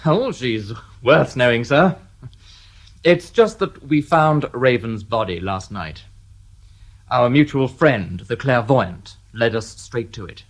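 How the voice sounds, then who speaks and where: A man's voice: medium pitch, animated, slow pace. An actor playing a shrewd police detective inspector in a radio drama, dry and sardonic, needling the people he questions with excessive politeness.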